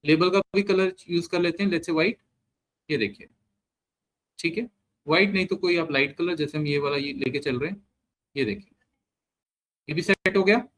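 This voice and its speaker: A man giving a step-by-step screen-share software lesson, mixing Hindi with English terms and often checking in with the learner. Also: a little high, normal speed, long pauses. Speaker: software trainer.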